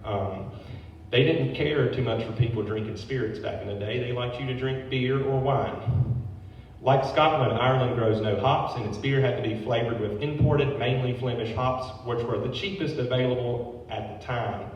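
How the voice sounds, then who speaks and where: Steady and mid-range, the brewery owner's voice moves at a normal speed as he reads his public history talk from notes, with informal asides in between. The lo-fi recording has faint noise, a distant mic, and a very echoey hall.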